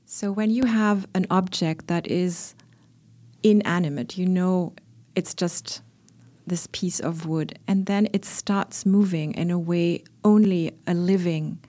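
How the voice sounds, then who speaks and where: A woman's voice: fairly low pitch, steady tone, slow, warm tone. Hesitant woman guest talking puppets. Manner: hesitant, many fillers. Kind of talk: interview answers.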